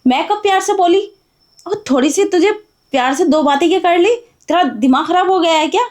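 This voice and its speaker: A woman playing a sharp-tongued blind housewife, very high. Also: fairly quick. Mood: angry. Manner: scolding, indignant. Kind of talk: melodramatic audio drama.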